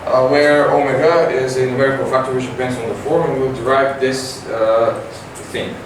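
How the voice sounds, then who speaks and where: A teenage boy presents a science competition report in a large classroom with a projector, speaking haltingly with many fillers. His mid-range voice has little pitch movement. A far-off camera picks him up, so the audio is echoey and noisy.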